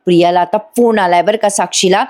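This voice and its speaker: A woman's voice: medium pitch, steady tone, fairly quick, darkish tone. A woman narrating a voice-over episode recap, chatty and talking straight to viewers. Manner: chatty, addressing viewers directly. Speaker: TV serial reviewer.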